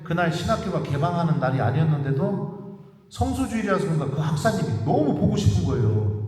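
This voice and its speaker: A middle-aged male priest telling a story in a sermon, animated and acting out dialogue. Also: sits high. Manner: animated, acts out dialogue with rising loudness. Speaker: priest giving a special lecture. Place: large church. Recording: echoey hall, distant mic.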